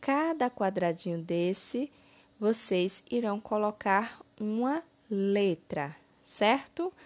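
Working through an exercise for children, a Brazilian Portuguese-accented schoolteacher with a mid-range voice draws out every word syllable by syllable. Her narration is slow, deliberate and clear.

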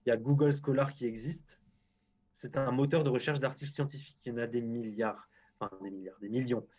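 A man's voice: mid-range voice, steady tone, a little fast, a little mellow, husky. A man speaking as a guest scientist in a casual interview, frank and hesitant, often restarting his sentences.

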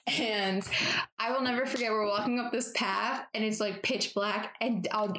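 A young woman in her twenties hosts a podcast in a loose, chatty way, laughing often and dropping casual swears. Her pitch sits in the middle for a woman, with a faint hiss of noise behind her. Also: steady tone, normal speed, a bit bright. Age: 20s. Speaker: podcast host. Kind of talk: casual sibling banter.

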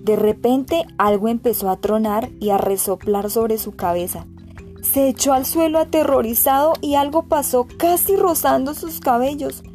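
A woman's voice: high-pitched, moderate pace, faint music behind. Woman reading a storybook aloud. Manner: even, clear story narration. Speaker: narrator.

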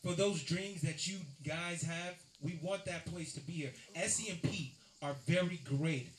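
A man hosting a live panel event and taking audience questions, talking in an animated, exclamatory way. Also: fairly high pitch, unhurried, a little hiss or hum. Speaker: event host and moderator. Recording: echoey event room.

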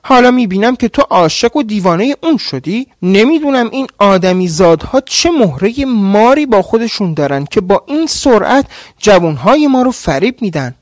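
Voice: medium pitch, darkish tone, dry recording, clean studio sound, pitched above the performer's own voice, lightly acted. A storyteller voicing an old jinn witch, a domineering mother who gives stern, threatening orders. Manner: commanding, threatening.

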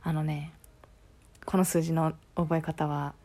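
Her low, warm voice has a creaky edge, and she speaks slowly in a flat delivery. Talking casually on her own with a Kansai accent, she's playful and thinks out loud, going back and forth between Japanese and English.

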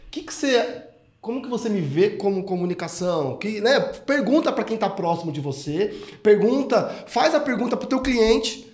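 A man's voice: sits high, sing-song, normal speed, darkish tone. A man hosting a podcast in an expansive, joking way. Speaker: podcast host. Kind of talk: casual podcast chat. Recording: roomy echo.

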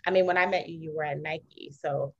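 A woman's voice: deep voice, steady tone, brisk. A woman interviewing a guest in casual conversation, asking enthusiastic, rambling questions. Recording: dull lo-fi sound.

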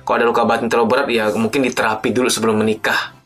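A man, a therapist giving parenting advice in a motivational talk, who talks emphatically and moves between raised pleading and hushed, gentle appeals. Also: on the low side, flat delivery, very fast.

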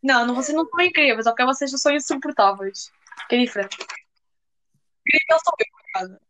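A woman's voice: high-pitched, lively intonation, fast talker, pushed and bright, slight background noise, low-quality recording. A young female student, chatting casually with friends in slangy, teasing talk. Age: teens to young adult, school student. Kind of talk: casual chat among friends.

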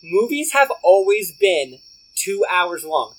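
A man's voice: sits high, very animated, slow pace, rough recording. A man co-hosting a casual movie podcast, emphatic and rambling, full of fillers. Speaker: podcast co-host.

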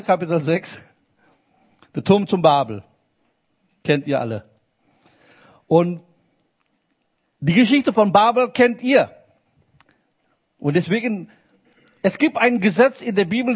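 Slow, high-voiced preacher. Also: male voice. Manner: slow, emphatic, with frequent checking questions to the audience. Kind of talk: sermon.

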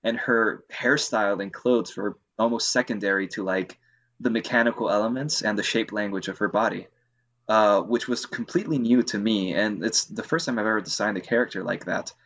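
A man's voice: on the low side, brisk, fairly bright tone. A man chatting casually on a podcast, hesitant, with many fillers and restarts. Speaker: co-host.

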